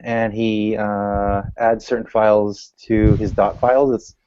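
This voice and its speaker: A man's voice: on the low side, little pitch movement, measured pace, warm tone, slight background noise. A man in a casual group discussion on a call who speaks hesitantly, with many fillers. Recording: dull lo-fi call audio.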